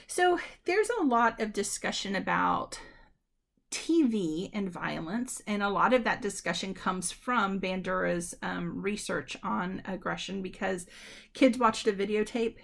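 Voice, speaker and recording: A woman lecturer talks her students through the material in a loose, conversational way, pausing on ums and restarting sentences. Her voice has a gravelly edge and sits at an ordinary middle pitch. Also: a bit bright. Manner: addresses students directly. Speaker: university lecturer. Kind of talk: recorded lecture.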